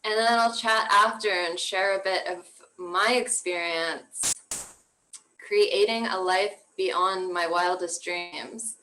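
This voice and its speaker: A young woman from Canada speaks from her home, leading an online workshop talk. Her voice sits a little low, and she talks in a gentle, flowing way, with soft laughs and easy fillers. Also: steady tone, takes it slowly, a little hiss or hum, low-quality recording. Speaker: tantra workshop teacher.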